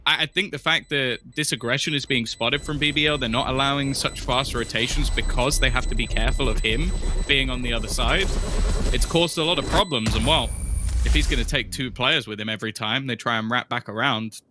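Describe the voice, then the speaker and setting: Male esports analyst caster, medium pitch, explanatory live commentary, noisy gameplay sound behind. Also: brisk. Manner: conversational, explanatory. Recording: clearly noisy, game gunfire and clicks.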